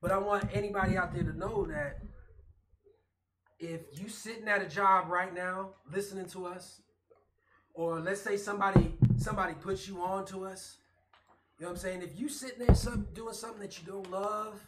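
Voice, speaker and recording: A man's voice: high-pitched, steady tone, moderate pace. A man hosting a casual group show with frat-bro buddy hype, speaking emphatically and repeating phrases. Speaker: host of a pregame show. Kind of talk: casual hyped group banter to viewers. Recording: roomy echo, clear background noise.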